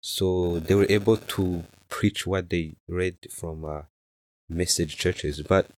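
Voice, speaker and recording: Soft-spoken Rwandan man, very deep. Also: fairly even intonation, slow pace, no echo, studio quality. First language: Kinyarwanda. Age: 30s. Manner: soft-spoken, hesitant, many fillers. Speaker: interview guest. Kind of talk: casual interview answers.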